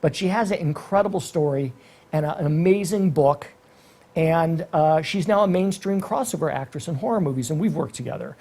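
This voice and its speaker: A man's voice: fairly high pitch, a little fast, darkish tone, slightly rough. A man hosting a casual interview show, effusive and rambling as he introduces and questions his guest. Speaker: talk show host.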